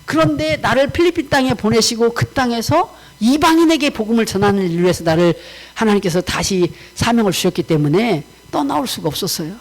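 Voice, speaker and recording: A woman missionary giving a personal testimony to a congregation in a warm, conversational way, mixing casual and polite speech and acting out remembered conversations. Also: on the high side, fairly quick, poor audio. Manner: animated storytelling, acting out remembered dialogue.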